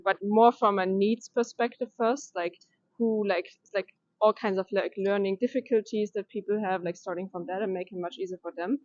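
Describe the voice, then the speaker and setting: A young woman from Germany answers interview questions, thinking aloud with pauses and restarts. Her voice sits at a middle pitch. The recording is dry and a little muffled. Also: no room sound. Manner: thoughtful, hesitant, with many fillers and restarts. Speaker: interviewee, education data science master's student.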